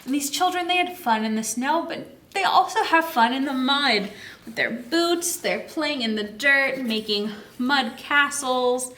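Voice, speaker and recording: A woman with a high, sharp, animated voice takes her time reading a picture book at a kids' story session. Her explanations are simple and teacherly, with questions she answers herself, and the echoey room is recorded from a distant mic.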